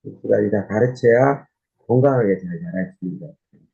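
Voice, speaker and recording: A man with a gravelly, mellow voice teaches a church class in a loose, conversational way. He pauses on fillers and restarts sentences as he goes. The recording is a bit dull and muffled. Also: fairly low pitch. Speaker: pastor.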